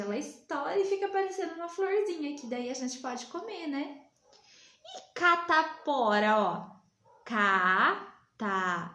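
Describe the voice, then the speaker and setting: Woman teacher from Brazil, high voice, slow and patient with little kids. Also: a bit bright, reverberant. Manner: slow, patient, drawn-out words for small children. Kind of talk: remote lesson for young children.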